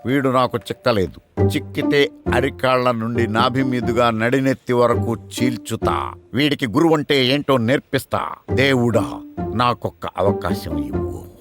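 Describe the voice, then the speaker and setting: A man's voice: medium pitch, measured pace, natural voice. An actor playing a strict, pompous old college lecturer who scolds and punishes his students. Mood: stern. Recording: film soundtrack with music.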